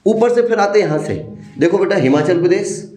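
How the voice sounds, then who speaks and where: A man's voice: high voice, fairly quick, mellow. A male teacher giving a playful demo lesson, explaining step by step and calling his listeners "beta". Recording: echoey room.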